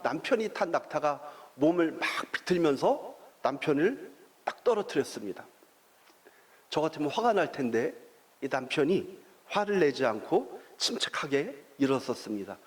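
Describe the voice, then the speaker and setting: A man preaching a sermon as pastor, telling a story with long pauses and drawn-out fillers and putting questions to the congregation. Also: mid-range voice, expressive.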